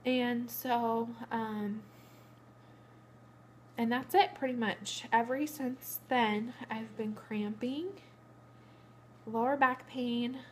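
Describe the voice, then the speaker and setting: A woman's voice: fairly high pitch, steady tone, very slow, long pauses, a little hiss or hum. A young pregnant woman, out of breath, rambling through a matter-of-fact casual vlog update. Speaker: vlogger. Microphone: phone camera.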